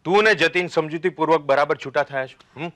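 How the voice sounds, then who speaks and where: A man's voice: a little high, brisk, fairly bright tone, close to an everyday voice. An actor playing a middle-aged man in a stage play, impatient to marry his lover and playfully joking to push her along. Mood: insistent.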